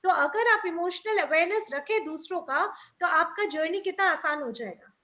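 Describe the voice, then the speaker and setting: A woman's voice: very high voice, lively intonation, moderate pace, sharp tone, faint music behind. A woman trainer giving an enthusiastic, upbeat webinar talk over a video call.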